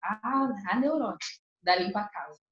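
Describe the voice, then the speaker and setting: A woman's voice: mid-range voice, animated, normal speed. A young woman gives a personal testimony at a church couples' course. She tells her story with emotion and often turns to her listeners. The hall echoes noticeably, and the recording sounds a little dull and muffled.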